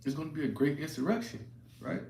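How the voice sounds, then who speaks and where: A man giving informal scripture teaching who keeps checking in with "right?" and restarts his phrases, sometimes reading verses aloud slowly. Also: a little high, animated, vocal fry, darkish tone. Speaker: religious teacher. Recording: echoey room with faint ambient noise.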